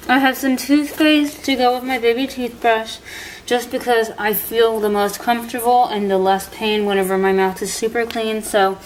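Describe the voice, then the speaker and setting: A woman's voice: a little high, slight background noise, low-quality recording. A woman chatting casually in a vlog, speaking with a sore, stiff jaw that barely opens and a partly numb mouth after surgery. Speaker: vlogger sharing surgery recovery. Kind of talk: casual chat.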